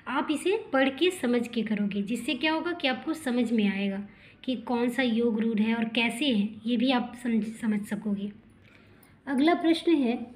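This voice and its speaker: A woman's voice: a little high, darkish tone. A woman teacher explaining textbook answers step by step, asking rhetorical questions and answering them herself. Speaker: school teacher.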